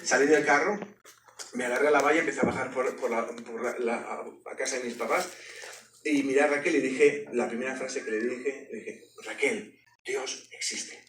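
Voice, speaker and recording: A man's voice: medium pitch, brisk, slight background noise. A man giving his testimony as a sermon, telling it with jokes and sound effects. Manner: animated, joking storyteller with sound effects. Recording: echoey hall, mic from a distance.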